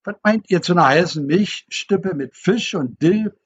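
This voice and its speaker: A man voicing a hearty, teasing old fisherman who talks in a booming, folksy dialect, on a dull lo-fi recording. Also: lively intonation, moderate pace, husky. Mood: bossy cheerful.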